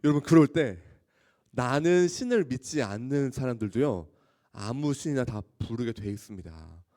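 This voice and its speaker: Animated male youth pastor preaching. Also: mid-range voice, normal speed. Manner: animated storytelling, often asking the audience questions; acts out scenes with loud exclamations. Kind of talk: sermon to high school students.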